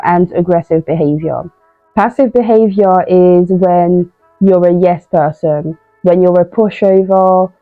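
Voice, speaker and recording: Low-voiced woman giving casual advice. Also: no echo. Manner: casual, repetitive with many fillers, acts out example replies. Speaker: youth crime-prevention speaker. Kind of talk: informal advice talk. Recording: tinny phone-like sound, dry.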